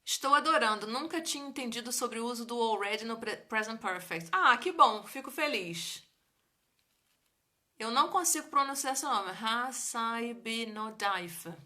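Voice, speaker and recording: A woman who speaks Portuguese as her first language, teaching an English grammar lesson on a live stream in a lively, chatty way and answering viewers' comments. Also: on the high side, moderate pace. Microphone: phone or webcam for a live stream.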